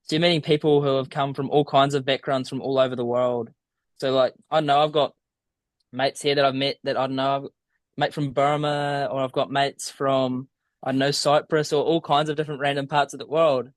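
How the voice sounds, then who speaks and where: A medium-pitched young man speaks fairly quickly with little pitch movement, recorded without echo. He's a podcast guest studying abroad who comes from a small town in southern New Zealand, and in this casual interview his broad accent and slightly hesitant style come through.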